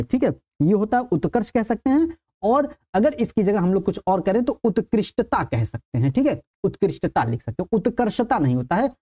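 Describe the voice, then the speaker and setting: A woman's voice: mid-range voice, warm tone. A woman teaching an online exam-prep lesson. She calls her viewers friends, repeats each answer and keeps checking with "okay". She keeps flagging points as important to remember. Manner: stresses what is important and tells viewers to keep it in mind.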